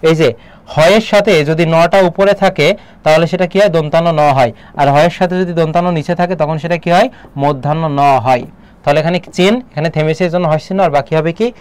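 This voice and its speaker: A Bangladeshi man teaching an online exam-prep class, explaining and quizzing students with quick questions. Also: fairly high pitch, darkish tone, clear, resonant tone. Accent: Bangladeshi Bengali.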